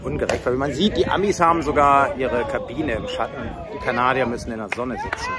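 A man's voice: mid-range voice, a little fast, over a noisy crowd. A German man making dry, joking remarks at an outdoor ballfield. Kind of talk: casual commentary on camera.

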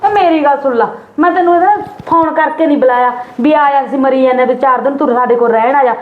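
A woman's voice: high-pitched, fast, lightly acted. A woman playing a nagging, taunting sister-in-law. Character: sharp-tongued, stingy sister-in-law. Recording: echoey room, dull sound, faint hiss.

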